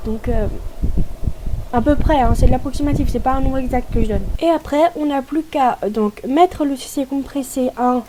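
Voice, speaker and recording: High-voiced woman explaining a game tutorial. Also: moderate pace, background noise. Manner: chatty and explanatory, frequent hesitations. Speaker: gaming tutorial host. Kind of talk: casual tutorial voice-over.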